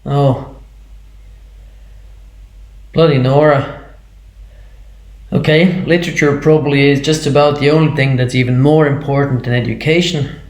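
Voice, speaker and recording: Slow-talking teacher in an echoey room. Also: male voice, medium pitch, steady tone, darkish tone. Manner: earnest, quoting literature aloud. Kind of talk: amateur video drama.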